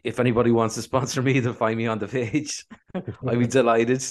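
A man's voice: mid-range voice, flat delivery, moderate pace. An Irish man co-hosting a podcast in casual, rambling, self-deprecating chat. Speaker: podcast co-host.

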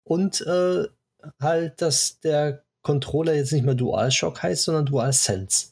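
A man's voice: on the high side, slow pace, vocal fry, a little mellow, slightly rough. A man co-hosting a casual podcast chat, talking with frequent hesitations and fillers. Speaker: podcast co-host.

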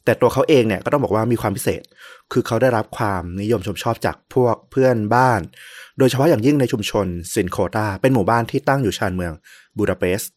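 A man co-hosting a podcast, telling a historical story in a relaxed, chatty way with many fillers. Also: mid-range voice, fast talker, dry recording.

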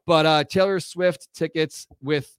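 A man's voice: fairly high pitch, fairly even intonation, unhurried, clean tone, no echo, clean studio sound. Jokey New man in casual chat. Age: older than co-host. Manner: loose, swearing, jokey storytelling. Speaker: podcast co-host.

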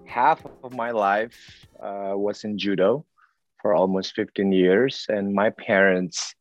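A man from Indonesia, an actor in his forties, talking casually in an interview, halting often with restarts and "you know". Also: fairly low pitch, steady tone, no echo, muffled recording, soft background music.

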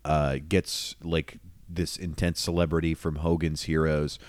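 A young man co-hosting a podcast, talking eagerly about a film he loves, halting often on fillers. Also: very deep voice, level tone, no echo, clean studio sound. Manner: enthusiastic, halting, many fillers. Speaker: podcast co-host. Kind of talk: casual film podcast chat.

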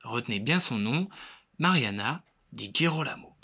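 A man's voice: mid-range voice, lively intonation, moderate pace. A man hosting a film segment, reading a scripted review with wry joking asides. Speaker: film critic host.

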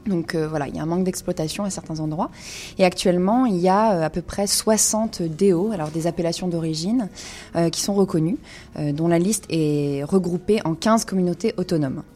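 A woman's voice: on the low side, fairly quick, mellow. A woman presenting a weekly radio column on wine, speaking in a studio with frequent hesitations and fillers.

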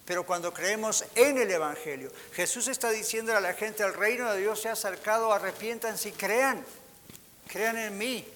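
A pastor preaches with a high, bright voice, putting rhetorical questions to his listeners. His voice rings out through a reverberant hall over a faint hiss. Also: moderate pace. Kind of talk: sermon. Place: church hall.

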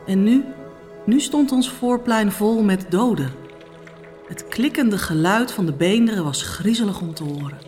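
A woman plays a Roman noblewoman haunted by dreams, telling them in a solemn, hushed monologue. Her pitch swoops widely between low, grave phrases and raised, urgent ones. Soft music sits quietly behind her. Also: animated, a little slow, natural voice. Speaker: Pilate's wife. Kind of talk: dramatic first-person monologue.

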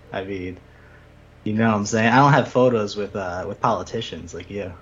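A man's voice: on the low side, moderate pace, slightly rough. A man hosting a podcast in casual banter, slangy and teasing, calling people bro. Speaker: podcast host. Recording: dull lo-fi podcast audio.

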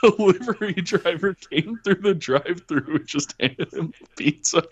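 A man's voice: high-pitched, lively intonation, moderate pace, husky. A man hosts a casual podcast chat, laughing and swearing his way through a long story. His voice swings widely up and down as he tells it. The recording sounds dull and lo-fi. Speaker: podcast host.

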